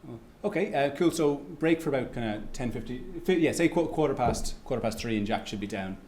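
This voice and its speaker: A man with an Irish accent answers audience questions at an economics lecture, halting and stumbling through many restarts and fillers. His mid-range voice has lively intonation and a darkish tone, recorded in an echoey lecture room with a little hiss or hum.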